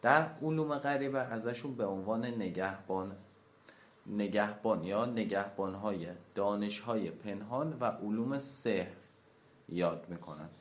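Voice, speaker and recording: A man teaching in a classroom-style lecture at a whiteboard, explaining step by step and slowly spelling out pronunciations. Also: fairly low pitch. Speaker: teacher of occult lore.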